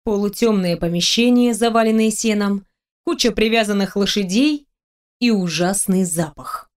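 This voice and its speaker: A woman's voice: medium pitch, normal speed. A woman narrates a fantasy audiobook in the first person, telling the story expressively. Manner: expressive storytelling, with the heroine's lines read in her own voice.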